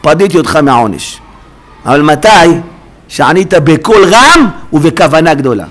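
Guy preaching in a synagogue, kinda high voice, goes from quiet mutters to full-on yelling. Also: big pitch swings. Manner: impassioned, swings from low murmurs to loud cries; addresses listeners directly, quotes rabbinic sources. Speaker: rabbi giving a sermon. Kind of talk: sermon.

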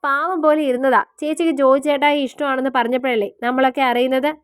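A woman's voice: sits high, fairly even intonation, fast talker, clear, resonant tone, no echo, studio quality, close to an everyday voice. A woman voicing a chatty, curious young woman who teases her mother. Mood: teasing. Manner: curious, teasing.

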